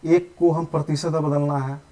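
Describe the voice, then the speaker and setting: A man's voice: on the high side, little pitch movement, moderate pace, mellow, poor audio. A young adult man teaching basic percentages in a live online maths lesson, explaining patiently, repeating each step and checking in with his students often. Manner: patient, repeats steps, says "ठीक है" often.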